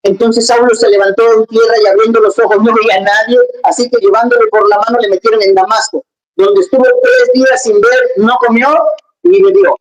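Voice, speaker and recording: A preacher giving a lively sermon, full of conversational asides, jokes and rhetorical questions to the congregation. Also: mid-range voice, a little fast, rough recording.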